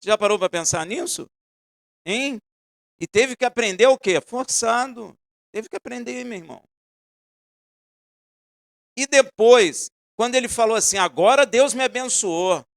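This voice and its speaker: A man preaching a sermon, asking the congregation pointed questions and swinging between loud emphasis and quiet asides. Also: extremely high pitch, measured pace, gravelly, long pauses, no echo, clean studio sound.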